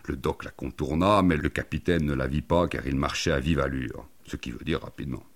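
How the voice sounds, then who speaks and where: A man narrating an absurd comic story in a deadpan, mock-learned way, full of wordplay. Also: rumbling low, brisk.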